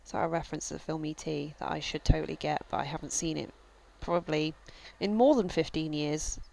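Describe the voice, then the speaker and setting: A woman's voice: deep voice, steady tone, a little fast, vocal fry, darkish tone, rough recording. Chatty woman streaming a game. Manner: rambling, chatty, many fillers. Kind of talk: casual let's-play chat.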